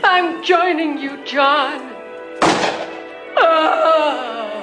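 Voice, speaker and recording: A woman's voice: sits high, very slow. A woman playing a desperate, lovesick young heroine in a soap drama, pleading and theatrical. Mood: melodramatic. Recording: old radio broadcast with music and crowd.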